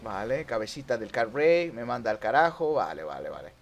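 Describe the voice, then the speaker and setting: A young man with a Mexican accent commentating his own online racing gameplay, excitable and yelping at near misses. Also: medium pitch, brisk, vocal fry. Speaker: gaming YouTuber.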